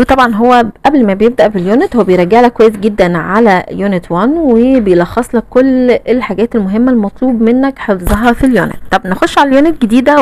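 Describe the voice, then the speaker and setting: In a dry, low-quality recording, a woman with a mid-range, somewhat mellow voice explains a primary English textbook. She has an Egyptian Arabic accent and a chatty style, repeating "okay" and "tamam," dropping fillers, and chanting short rhymes in a sing-song way.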